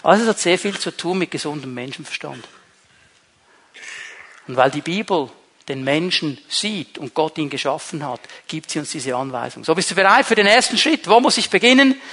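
A man's voice: on the high side, expressive, normal speed, pushed and bright, breathy edge. A man preaching a sermon to a congregation, emphatic and repeating key phrases. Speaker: pastor. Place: church.

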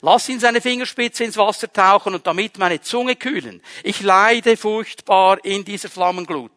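A male preacher reading out the pleading words of a suffering rich man in the underworld, in a bright, high voice. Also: moderate pace, no echo, clean studio sound. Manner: read aloud from scripture.

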